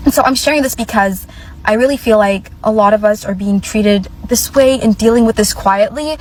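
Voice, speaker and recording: A woman's voice: mid-range voice, rough recording. A woman in her twenties from Minnesota, a pre-med student, making an earnest personal video statement. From Minnesota, United States. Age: 20s. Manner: earnest, measured.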